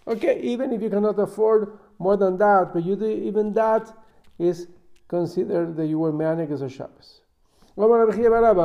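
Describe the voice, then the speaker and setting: A man giving a Talmud lesson as a religious teacher, reading and explaining in a halting, emphatic way with repeated words. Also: sits high, dark tone. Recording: dull, lo-fi recording.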